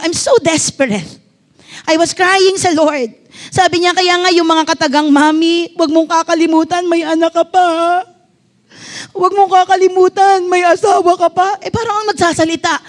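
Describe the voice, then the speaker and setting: A middle-aged woman pastor with a Filipino accent, preaching a fervent sermon that mixes English into her talk and asks the congregation questions. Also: high voice.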